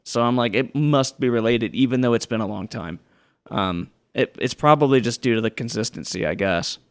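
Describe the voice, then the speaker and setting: A man's voice: mid-range voice, moderate pace. Rambling young man chatting casually. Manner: rambling, many restarts and fillers. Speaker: podcast co-host. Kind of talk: casual chat.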